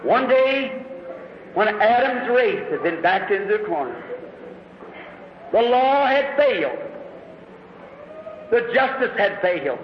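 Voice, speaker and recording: High-voiced man preaching in echoey hall. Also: very animated, slow pace, long pauses, slight background noise. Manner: dramatic storytelling, rising to shouts. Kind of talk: sermon. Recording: echoey hall, dull lo-fi recording.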